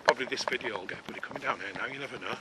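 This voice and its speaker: A middle-aged man talks very fast in a mid-range voice while vlogging a casual woodland walk, rambling, chatty, self-deprecating, and a little breathless. Recorded on a camera-mounted mic as he walks, the clip carries outdoor noise and clicking.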